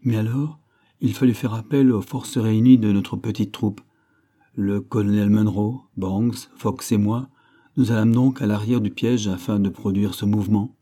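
A man reads an adventure novel aloud in a deep, dark tone. His pitch sits low, and he lifts it noticeably for the quoted lines of dialogue. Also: steady tone, normal speed. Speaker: audiobook reader. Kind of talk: scripted narration of a classic novel.

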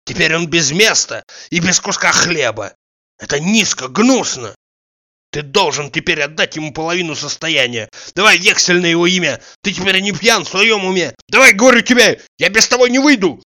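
A man voicing a crude, blustering middle-aged male sponger who shouts insults and abuse. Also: a little high, moderate pace. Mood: shouting. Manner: bellowing, abusive, indignant.

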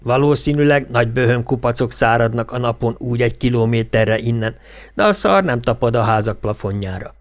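A man voicing a gruff older small-town policeman who lectures in blunt, folksy dialect. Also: medium pitch, lightly acted. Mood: lecturing. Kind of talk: audiobook character voice.

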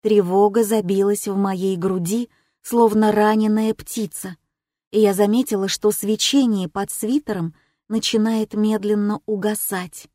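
A woman narrating a first-person audiobook in a measured, calm storytelling manner. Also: medium pitch, dry recording, clean studio sound.

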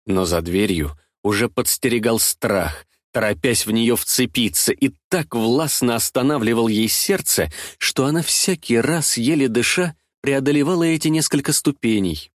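A man narrating a literary audiobook in a measured, dramatic reading. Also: mid-range voice, no room sound, studio quality.

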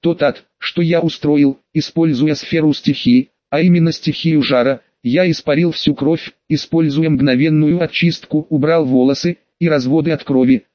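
A male audiobook narrator tells a first-person story with an emotional, dramatic delivery. His voice sits a bit high for a man. The sound is dull and lo-fi, and completely dry. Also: fairly even intonation, moderate pace, hardly any pauses, no room sound. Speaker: audiobook reader.

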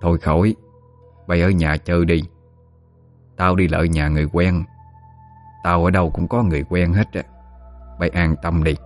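A man playing a calm old female exorcist. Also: low-pitched, faint music behind, close to an everyday voice. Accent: Southern Vietnamese. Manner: slow, soothing, commanding. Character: elderly female village exorcist, calm and authoritative.

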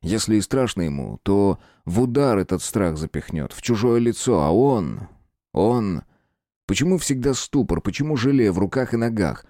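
A man narrating a horror novel as an audiobook, expressive and tense in his storytelling. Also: lowish voice, moderate pace, dry recording, clean studio sound. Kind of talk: scripted narration.

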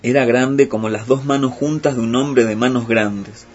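A man telling a folk tale in a lively, playful way. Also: medium pitch, normal speed. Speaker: storyteller. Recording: muffled with faint music.

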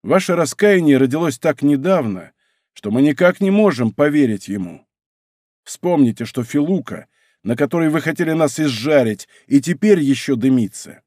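A brash musketeer barking scornful orders, his voice pushed higher and louder than the telling around it, as a male narrator puts him on. He speaks briskly and with authority. The recording is dry. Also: expressive, dry recording. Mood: stern. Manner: brisk, commanding.

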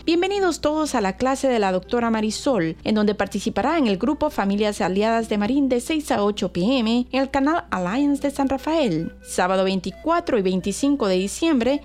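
A woman reading a community event calendar on the radio in a brisk announcer manner. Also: a little high, a little mellow. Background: faint music bed.

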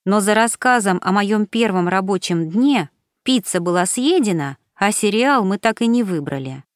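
Reading a first-person audiobook, this woman narrates at medium pitch with a measured, expressive storytelling style. There's no room sound, and the studio recording is clean.

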